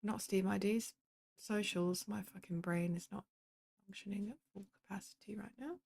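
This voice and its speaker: Gravelly chatty woman streamer. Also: mid-range voice, fairly even intonation, normal speed, darkish tone. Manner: chatty, swearing, sarcastic asides. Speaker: streamer organizing a game event. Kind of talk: casual commentary while working on a computer.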